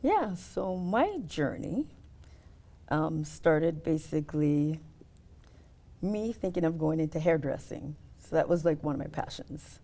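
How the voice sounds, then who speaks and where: A middle-aged woman talking casually in an interview about her work as an optician, explaining step by step with many pauses. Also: deep voice, expressive, dark tone. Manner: explains step by step, hesitant fillers.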